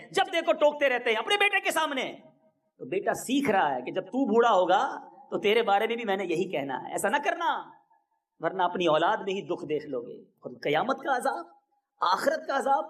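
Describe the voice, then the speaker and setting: A man's voice: high-pitched, a bit bright. A man delivering an impassioned, emphatic sermon as a preacher, his voice rising sharply on key points.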